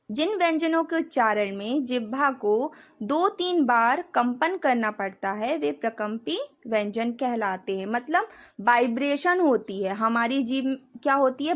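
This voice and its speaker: A young adult woman teaching a grammar lesson, explaining step by step, sounding out letters and checking in with the class often. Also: a little high. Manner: explains slowly, demonstrates sounds, repeats "ठीक है" often.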